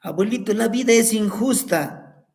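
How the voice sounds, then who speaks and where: A man's voice: high-pitched, measured pace, darkish tone, voice pushed up. A man voicing an upset young granddaughter who complains in an aggrieved way about unfairness.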